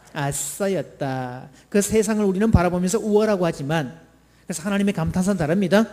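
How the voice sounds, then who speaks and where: A middle-aged man preaches in a church sanctuary, his voice pitched high and mellow. He quizzes the congregation playfully and leads them in call-and-response lines. The hall gives his words a long, echoing tail. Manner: playful, asks the congregation questions and has them repeat. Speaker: pastor. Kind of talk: lively sermon.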